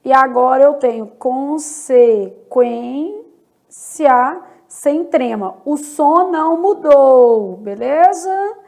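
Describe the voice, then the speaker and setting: A Brazilian woman teaching a Portuguese grammar lesson, slow and deliberate, asking questions and answering them herself. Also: sits high, expressive, darkish tone. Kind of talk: exam-prep grammar lesson.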